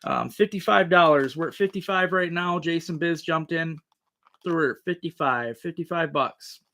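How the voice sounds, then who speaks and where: A man's voice: on the high side, moderate pace, sharp tone, a little hiss or hum. A man hosting a casual livestream auction, repeating the current bid in a folksy auctioneer's manner.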